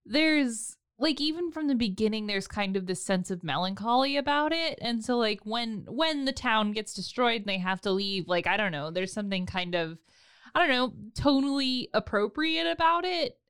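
Animated young woman, clear voice. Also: a little high, normal speed, no echo, clean studio sound. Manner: chatty, many "like" fillers, playful. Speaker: podcast co-host. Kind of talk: casual chat.

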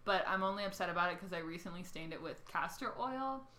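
A woman's voice: lowish voice, animated, pushed and bright, slight background noise. A woman co-hosting a podcast, chatting casually and joking with friends in her bedroom. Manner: joking, quick banter. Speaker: podcast co-host. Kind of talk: casual chat.

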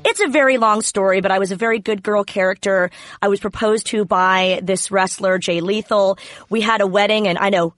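A woman's voice: medium pitch, fairly even intonation, brisk, fairly bright tone, dry recording, studio quality, faint music behind. A woman guest telling a story in a chatty, jokey way. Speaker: guest wrestler. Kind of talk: casual interview chat.

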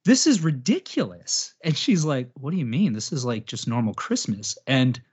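A man's voice: mid-range voice, very animated, moderate pace, a little mellow, slightly rough. Rambling, self-mocking man in his thirties. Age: 30s. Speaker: podcast host. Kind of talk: casual chat. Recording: dull lo-fi podcast audio.

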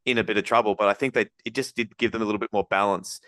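A man hosting a casual sports podcast, breaking down games in a rapid, rambling analytical way with many restarts. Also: on the low side, fairly even intonation, fairly bright tone, dry recording, studio quality. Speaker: podcast host.

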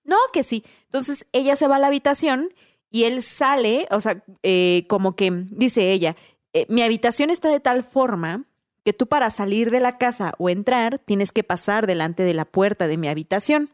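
A woman's voice: on the high side, moderate pace, no echo, studio quality. Slangy Mexican woman telling a story. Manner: animated, slangy, tags lines with "¿no?" and "güey". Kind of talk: casual storytelling chat.

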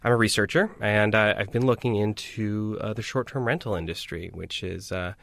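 A man guesting as a researcher on a podcast, relaxed and easygoing, with frequent fillers. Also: fairly low pitch, normal speed, gravelly, no echo. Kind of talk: interview.

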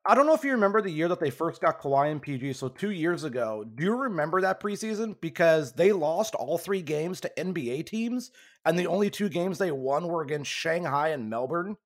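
Rambling male podcast host, slightly high. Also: expressive, brisk. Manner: rambling, conversational, self-correcting. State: losing his voice. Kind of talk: casual sports podcast chat.

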